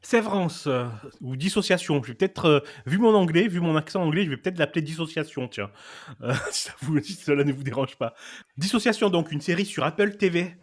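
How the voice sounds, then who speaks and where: A man's voice: fairly high pitch, lively intonation, brisk. A man hosting a casual film and series podcast, playful and theatrical as he introduces his guests. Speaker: podcast host. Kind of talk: casual chat.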